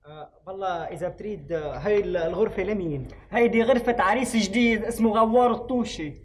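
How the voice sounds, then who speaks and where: A man's voice: high voice, fast, lightly acted. An actor playing a mischievous male prankster in an old comedy series, speaking with a Damascene Syrian accent in a sly, wheedling manner. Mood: pleading. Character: mischievous scheming male prankster, wily trickster. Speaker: comic actor. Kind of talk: 1960s TV comedy acting. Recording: old TV soundtrack with roomy echo and faint hiss.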